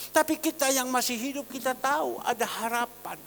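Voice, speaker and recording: A man pastor preaching a sermon, shifting between loud exhortation and quiet storytelling. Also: extremely high pitch, normal speed, gravelly, big-room sound, slight background noise. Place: church hall.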